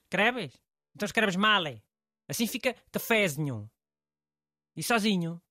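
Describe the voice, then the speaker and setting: A man's voice: high-pitched, moderate pace, sharp tone, no room sound, clean studio sound. A man with a European Portuguese accent, playing a blunt know-it-all male host in comic scripted banter, offhand and teasing. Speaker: show host.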